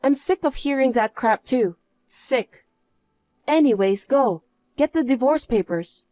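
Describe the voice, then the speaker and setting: A woman's voice: high voice, animated, a little slow, mellow, no echo. A woman playing a scornful betrayed wife in a story drama, scolding and dismissive. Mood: firm, cold. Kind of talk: dramatised story narration and dialogue.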